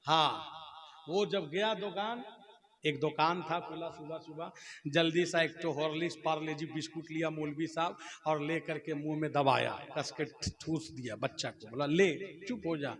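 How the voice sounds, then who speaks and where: A man's voice: fairly high pitch, normal speed. A man from Kolkata preaching at a religious gathering, telling humorous stories and acting out the characters in them, building to emphatic climaxes. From Kolkata, India. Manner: animated storytelling, acts out characters, rising to emphatic climaxes. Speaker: Islamic preacher.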